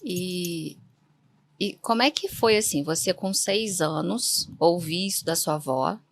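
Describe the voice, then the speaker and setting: Low-voiced woman podcast host. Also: a little slow, a little hiss or hum. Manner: gentle probing questions. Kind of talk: interview questions.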